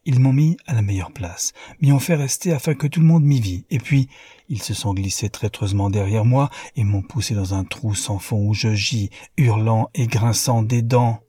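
A man voicing a wealthy man filled with bitterness and fury, rising to passionate outbursts, with a husky, dark, dry sound. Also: on the low side, moderate pace, no echo. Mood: furious. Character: wealthy man, bitter and furious after betrayal.

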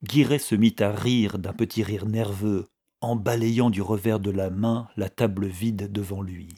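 A man reading a novel aloud as narrator, measured and steady. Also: fairly low pitch, breathy edge.

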